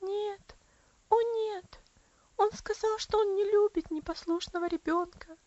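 A woman's voice: very high voice, normal speed, a little mellow, no echo, dull audio, pitched above the performer's own voice. A woman doing a frail, tearful little girl. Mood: tearful pleading. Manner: pleading, tearful, weak. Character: frail, sickly little girl longing for father.

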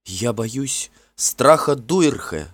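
A man voicing a gentle, frightened young fairy woman who speaks softly and imploringly in a storybook reading. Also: mid-range voice, very animated, drawn-out words, no echo, voice pushed up, exaggerated voice. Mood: pleading. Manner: soft, tremulous and imploring.

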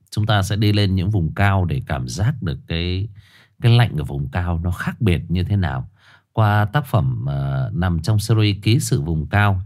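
A very deep-voiced man hosting a live late-night horror story stream, greeting viewers one by one in a chatty, joking way. His nose sounds stuffed up and he coughs now and then. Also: darkish tone. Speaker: host of a live horror story reading channel. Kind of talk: livestream chat and story introduction.

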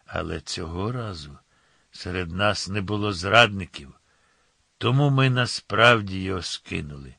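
A man voicing a gruff plotter. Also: deep voice, unhurried, bright, forceful tone, no echo, full character voice. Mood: terse. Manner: gruff, muttering.

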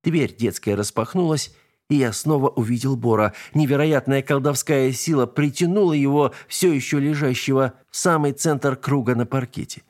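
Man, audiobook narrator, scripted story reading, steady, expressive. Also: medium pitch, normal speed.

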